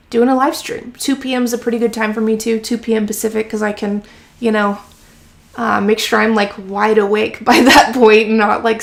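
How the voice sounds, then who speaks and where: Chatty, slightly hoarse woman with vocal fry. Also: mid-range voice. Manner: chatty and encouraging, many fillers like "um" and "like". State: voice getting hoarse from talking. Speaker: host of a freelance writing live stream. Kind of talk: casual live-stream Q&A. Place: home office.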